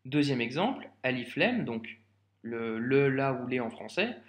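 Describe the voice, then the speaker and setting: A man's voice: mid-range voice, sing-song, measured pace, roomy sound. A man giving a patient, step-by-step reading lesson, talking straight to the learner and checking often that they follow. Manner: patient, addresses the learner directly with frequent checks. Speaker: Arabic reading teacher.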